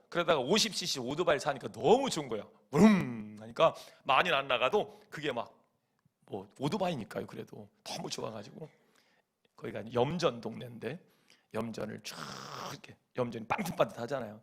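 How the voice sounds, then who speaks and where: Man, pastor, sermon, a bit high, gravelly, animated storytelling. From Chungcheong, Korea. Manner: animated storytelling, mimics voices and hums folk song lines. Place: church sanctuary.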